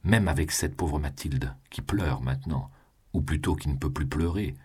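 A man voicing a proud young prisoner facing execution, musing in a low, subdued voice. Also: normal speed, darkish tone, slightly rough, heavily acted. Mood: brooding.

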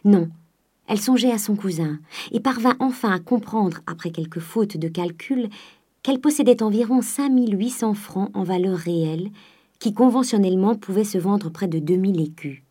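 A woman narrating a classic novel in a soft, hushed reading. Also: medium pitch, normal speed, husky. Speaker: audiobook narrator.

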